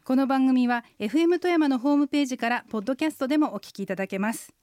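A woman co-hosting a radio language lesson, slowly and carefully explaining how sounds are pronounced. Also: high voice, warm tone, no room sound, studio quality. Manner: slow, careful explanations of pronunciation. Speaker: Chinese language instructor and co-host. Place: radio studio.

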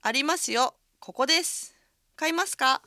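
A woman's voice: high-pitched, moderate pace, bright, forceful tone, dry recording, clean studio sound. A woman teaching Chinese pronunciation on a radio lesson, explaining each phrase step by step.

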